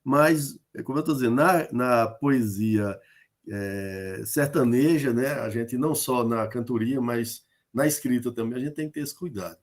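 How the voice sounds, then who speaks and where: A Northeast Brazilian man of medium pitch and moderate pace delivers an online lecture on rhyme in folk poetry. His delivery is hesitant and packed with fillers and tag questions, and he explains by giving spoken examples.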